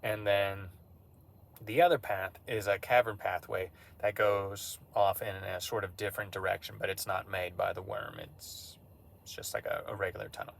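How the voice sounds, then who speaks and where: A man casually recapping a tabletop game session, relaxed and conversational, with frequent fillers. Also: sits low, normal speed, gravelly. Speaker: campaign recap narrator.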